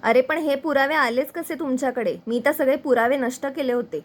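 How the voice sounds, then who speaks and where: A woman's voice: high voice, steady tone, a little fast, lightly acted. A woman reading a scheming young wife. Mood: defensive. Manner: plain reading of quoted lines.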